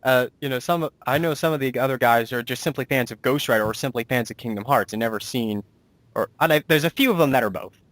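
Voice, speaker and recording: A man with a medium-pitched, fairly bright voice talks fast while hosting a casual interview as director of an amateur audio drama. He explains things in a rambling way and keeps restating himself. There is no echo.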